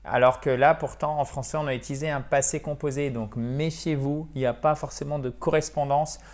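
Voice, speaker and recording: A man giving a video English lesson in French, explaining verbs and slowly modelling English example sentences. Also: fairly high pitch, steady tone, a little mellow. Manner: addresses viewers as dear friends. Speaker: English teacher.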